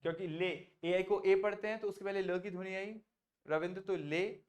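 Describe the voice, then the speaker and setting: A man's voice: high voice, fairly even intonation. A man teaching a French class, explaining sounds patiently and mixing Hindi with English. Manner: explains slowly, mixing Hindi and English, coaxes students to repeat. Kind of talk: online class teaching pronunciation.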